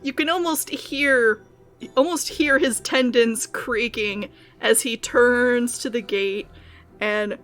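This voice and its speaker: A woman's voice: on the high side, slow, fairly bright tone, soft background music. A woman narrating a tabletop game as game master, descriptive and playful. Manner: descriptive and playful, laughs often.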